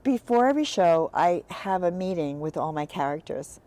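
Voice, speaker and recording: A woman actress speaking in a somewhat low voice, open and unguarded in an interview. She halts and restarts, piling up fillers, but snaps out crisp one-word answers when pressed. Her delivery feels candid and unpolished. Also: expressive, mellow. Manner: frank, halting, with many fillers and restarts; short, decisive one-word answers in quick rounds. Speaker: actress and writer, interview guest.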